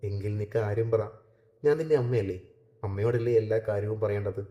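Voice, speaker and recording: A man voicing a worried middle-aged mother who coaxes her daughter in a low, mellow voice, recorded in an echoey room. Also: brisk, close to an everyday voice. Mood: worried, pleading.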